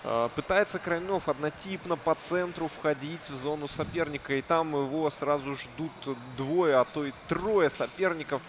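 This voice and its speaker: A man's voice: a little high, normal speed, few pauses. A man giving live play-by-play commentary on an esports hockey match, often hesitating between phrases. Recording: crowd noise behind. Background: crowd noise.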